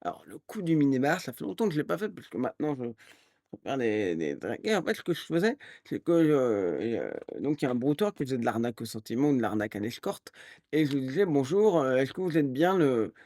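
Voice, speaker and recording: A man streaming live, telling a rambling story in a casual, animated way and acting out the people he quotes. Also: mid-range voice, quick pace, no room sound, clean studio sound. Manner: animated, acts out quoted voices; rambling with restarts and fillers.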